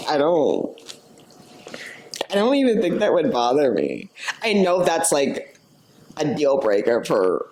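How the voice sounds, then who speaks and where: A woman's voice: a bass voice, darkish tone, a little hiss or hum. A young woman co-hosting a podcast, chatting candidly with her partner, laughing often and filling her talk with "like". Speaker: podcast co-host. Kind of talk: casual chat.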